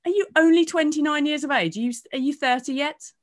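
Higher-voiced woman interviewer. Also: quick pace. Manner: chatty, teasing, repeats herself. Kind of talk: friendly interview questions.

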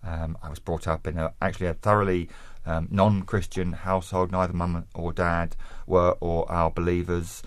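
A man's voice: low voice, little pitch movement, moderate pace, no echo. A man from Essex with a southern English accent, answering interview questions in an articulate, considered, erudite way. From Essex, England. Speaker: interview guest, author.

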